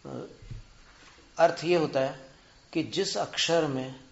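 A man teaching spelling and pronunciation, drawing out syllables slowly, counting them aloud and asking his students questions. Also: fairly high pitch, vocal fry. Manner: asks students rhetorical questions. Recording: muffled echoey room.

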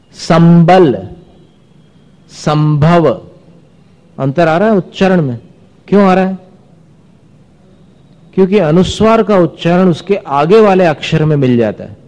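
A religious teacher with a slightly high voice and dark tone leads a scripture recitation lesson. He explains pronunciation point by point, chants verses slowly, and quizzes his class. The recording sounds dull, with a long hall reverb.

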